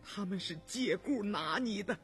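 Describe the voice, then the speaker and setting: Guy doing a teary young woman, high and begging. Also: animated, moderate pace, a bit bright, soft background music. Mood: imploring. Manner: choked, imploring. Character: shamed young woman, tearful and meek.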